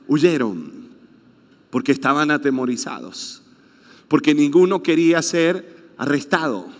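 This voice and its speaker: A man's voice: high-pitched, a bit bright. A man with a Venezuelan accent preaching a sermon in a church, telling the story dramatically and acting out the voices of the people in it. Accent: Venezuelan Spanish. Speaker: pastor. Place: church hall. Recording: long hall reverb.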